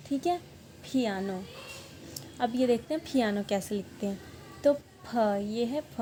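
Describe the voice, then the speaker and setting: A young woman teaching a language lesson, explaining words step by step, patiently repeating them slowly and checking in often. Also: fairly high pitch, warm tone, slight background noise. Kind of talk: online language lesson, writing on a board.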